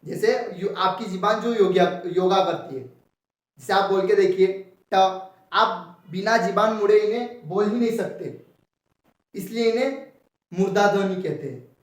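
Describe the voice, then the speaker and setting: A man's voice: sits high, a little slow. A young man teaching a Hindi lesson, drilling each term by asking the class what it is called and answering himself. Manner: repeats key terms as rhetorical questions. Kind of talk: explanatory Hindi grammar lesson. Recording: echoey room, voice from far off the mic.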